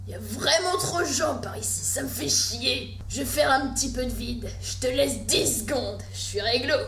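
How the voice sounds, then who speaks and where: A woman's voice: high voice, moderate pace, fairly bright tone. A woman voicing a menacing, foul-mouthed young male killer in a horror story, crude and taunting. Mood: irritated menace. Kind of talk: horror story character acting. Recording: roomy echo, music underneath. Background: music.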